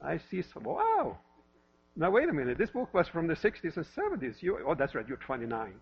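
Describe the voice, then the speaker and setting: A man's voice: a little high, huge pitch swings, a little fast, gravelly. A pastor in his fifties, originally from Norway, gives a sermon in a church with light self-deprecating humor, asking the same questions again and again. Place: church sanctuary. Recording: lo-fi with mains hum.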